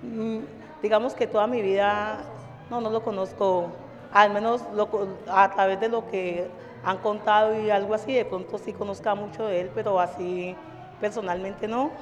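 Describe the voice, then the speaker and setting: Woman talking slow and unsure, lots of fillers, echoey hall, faint music. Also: mid-range voice, steady tone, a little mellow, dull audio. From Chocó, Colombia, raised in Cali. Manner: hesitant, unhurried talk with many fillers. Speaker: community participant. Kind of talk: casual personal account. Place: community cultural house. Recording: long reverb with faint music behind.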